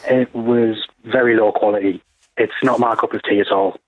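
A young man in his twenties speaks earnestly and deadpan as a caller on a radio show. His mid-pitched voice comes down a thin, tinny phone line that sounds dry and close. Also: moderate pace, no room sound. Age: 20s. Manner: earnest, deadpan, indignant complaints. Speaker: student caller. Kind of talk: radio discussion guest.

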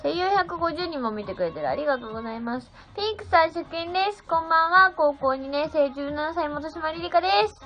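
With hardly any pauses, a seventeen-year-old girl chats a little fast in a high, expressive voice during a casual phone livestream. She reads viewer comments and thanks them individually in a bubbly way. Faint music plays under dull-ish audio.

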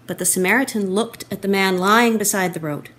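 A middle-aged woman telling a Bible story to children, animated and expressive. She speaks into a laptop webcam in a wood-panelled room at home, voice sitting at an ordinary pitch. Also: fairly quick. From Canada. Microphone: laptop webcam, close framing.

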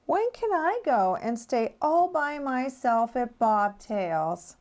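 Storybook bunny boy, small and eager, read by a woman, lively lilt. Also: high voice, slow, exaggerated voice. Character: little boy rabbit, eager.

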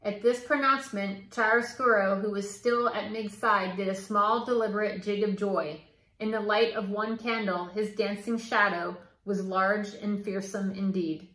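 A woman reading a children's novel aloud, steady and clear. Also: mid-range voice, a little slow. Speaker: reader. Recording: roomy echo.

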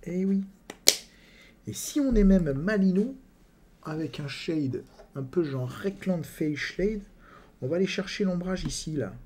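A man's voice: high voice, lively intonation, measured pace, pauses often, dark tone, slight background noise. A man giving a casual live miniature painting tutorial. He jokes, swears freely and talks to his viewers while he paints, often trailing off mid-sentence. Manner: joking, chatty, swears freely.

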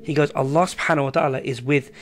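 A man, telling a personal story in casual podcast chat, animated and full of slang. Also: medium pitch, very fast, noisy background. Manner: animated, slangy, repeats himself. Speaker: podcast guest. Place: small room with a poster wall. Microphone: studio mic on a stand.

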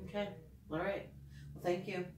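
A middle-aged woman hosts in a relaxed, easygoing way with short reactions. She sits back from the mic in an echoey room with a faint hiss behind her. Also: medium pitch, moderate pace. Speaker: podcast host. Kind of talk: casual chat. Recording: roomy sound, distant mic, faint noise.

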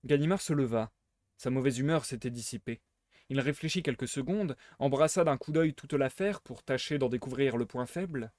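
Male streamer narrating a novel, expressive and measured, dry recording. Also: medium pitch, no echo. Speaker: streamer reading a book aloud. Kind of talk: live reading of a novel aloud.

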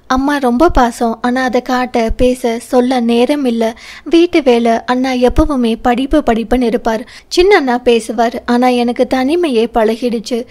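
A woman's voice: a little high, warm tone, lightly acted. A sorrowful young woman who feels trapped and alone at home, read by a woman narrator. She speaks in a lightly raised, sad and self-pitying voice. It sounds like a part in a spoken storybook. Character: lonely, tearful young woman confined at home.

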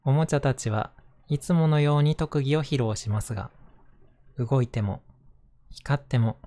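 A man gently narrating a picture book in a soothing manner, as if reading to a child at bedtime. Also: mid-range voice, normal speed. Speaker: storyteller reading picture books aloud to listeners.

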